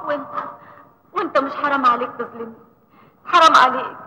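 A woman's voice: sits high, fast, bright, forceful tone, low-quality recording. An actress playing a wronged, desperate woman in an Egyptian film melodrama, pleading indignantly in Egyptian Arabic. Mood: indignant protest. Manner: pleading, indignant, repeating her reproaches. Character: wronged, desperate woman defending her honour.

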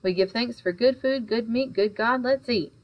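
A woman reading a story aloud, voicing a cheerful, joking father in a brisk, playful way. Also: on the high side, voice pushed up, natural voice. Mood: jovial. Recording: slightly dull audiobook recording.

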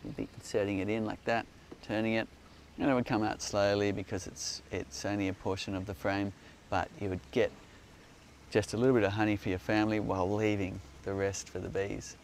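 A beekeeping company host with a low, gravelly voice enthusiastically answers questions and explains while demonstrating in an outdoor garden. His delivery is flat and brisk. It sounds like a nearby phone camera recorded it, with faint outdoor noise behind him.

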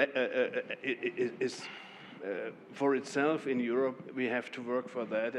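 A man with a German accent talks on a panel in a calm, measured way. He breaks off now and then with a short laugh or a restart. His voice carries a long reverb from a large conference hall, with a faint murmur of ambience behind it. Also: medium pitch, a little hiss or hum. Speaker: Member of the European Parliament. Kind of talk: panel discussion.

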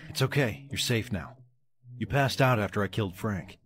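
An actor playing John, a conflicted agent who is earnest and protective, in a short drama skit. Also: male voice, lowish voice, expressive, moderate pace, fairly bright tone. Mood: tender. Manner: pleading, earnest.

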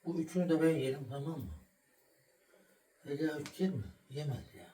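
A man's voice: fairly high pitch, very animated, moderate pace, mellow, slight background noise. A middle-aged man hosting a casual home vlog, making a sandwich for viewers and then calling and coaxing an animal. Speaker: vlog host. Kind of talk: casual cooking and farm vlog.

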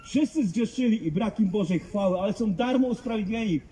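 On a public street, a street preacher delivers open-air evangelistic preaching to passers-by, fervent and emphatic, hammering points with rhetorical questions. His voice sits high with a dark tone and a brisk pace, and a little hiss or hum is audible.

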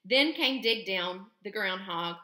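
Woman teacher reading a children's novel aloud, bright and expressive, roomy echo. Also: mid-range voice, takes it slowly. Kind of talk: children's book read-aloud.

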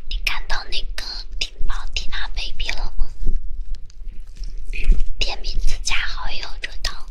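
A woman's voice: a little slow, low-quality recording. A woman in her twenties hosting an ASMR livestream, whispering close to the mic as she chats and thanks viewers for donations. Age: 20s. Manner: thanking donors and coaxing viewers for gifts. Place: indoor room, seated in an armchair. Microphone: handheld microphone close to the mouth.

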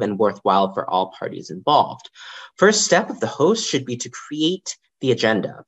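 A man's voice: mid-range voice, slightly rough. A young man, a librarian, giving a prepared lightning talk over a video call, with the occasional um. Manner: lively, varied intonation, occasional ums.

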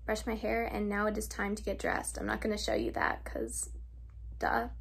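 A woman's voice: mid-range voice, big pitch swings, moderate pace, creaky, husky. A woman chatting casually in a home vlog, playful and self-deprecating as she talks through her day. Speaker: vlogger. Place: at home, bedroom and kitchen.

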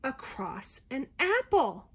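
Bright, lilting woman reading a bedtime story. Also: sits high, takes it slowly, a little hiss or hum. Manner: gentle, expressive storybook reading. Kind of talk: soothing bedtime read-aloud.

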